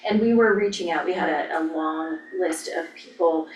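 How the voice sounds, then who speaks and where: An American woman, a staff official, giving informal updates at a public meeting with hesitant, halting phrasing. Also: low voice. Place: indoor public meeting room. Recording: echoey room, distant mic, faint noise.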